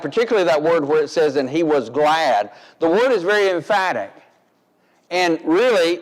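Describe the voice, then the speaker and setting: High-voiced, slow-preaching man in a church. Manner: deliberate, emphatic preaching with rhetorical questions. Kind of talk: sermon. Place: church sanctuary. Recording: long reverb of a church hall.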